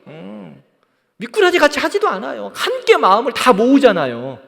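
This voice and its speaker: High-voiced fervent pastor preaching. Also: male voice, wildly swooping pitch, moderate pace, gravelly, a bit bright, in a large hall. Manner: fervent, repeatedly checks in with the congregation. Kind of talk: sermon. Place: church sanctuary.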